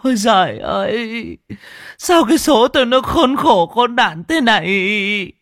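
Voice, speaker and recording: A shrieking old widow's wail. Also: male voice, big pitch swings, measured pace, a bit bright, dry recording, studio quality, exaggerated voice. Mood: wailing grief. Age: older. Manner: shrill keening lament. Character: old widow wailing over her dead husband.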